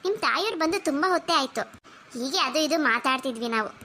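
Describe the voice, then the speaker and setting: A woman voicing a calm, obliging mother-in-law in a cartoon, speaking in a soothing way. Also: high-pitched, fast, slight background noise, pitched below the performer's own voice.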